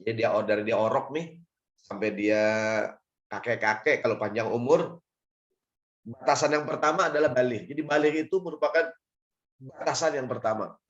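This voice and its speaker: A man with an Indonesian accent and a hoarse, raspy voice, giving an informal religious lecture in a conversational, explanatory way. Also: mid-range voice, normal speed, a bit bright. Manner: conversational, lightly joking, explains step by step. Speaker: Islamic preacher and guest speaker. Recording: dull, lo-fi audio.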